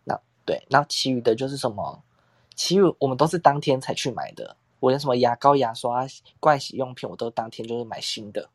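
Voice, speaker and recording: A man's voice: mid-range voice, animated, a little fast. A young man, telling a long story in casual chat as podcast co-host, rambling and acting out quotes with frequent laughs.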